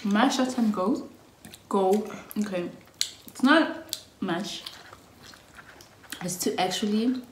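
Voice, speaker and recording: In a low-quality, reverberant recording with a bit of hiss or hum, a chatty South African vlogger in her early twenties giggles through a get-to-know-us video from a small indoor room. Her voice sits in the mid-range, and she talks slowly with frequent pauses.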